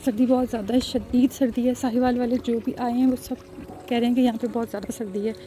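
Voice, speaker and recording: Chatty high-voiced woman vlogger. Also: fairly even intonation, fast, mellow, faint music behind. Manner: chatty, addresses viewers directly. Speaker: family vlogger. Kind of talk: casual vlog narration.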